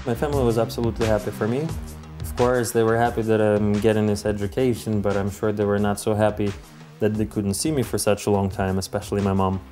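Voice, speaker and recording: A young man from Kyrgyzstan telling his life story calmly in a documentary interview, with some fillers. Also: lowish voice, fast talker, soft background music. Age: young adult. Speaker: advertising account director.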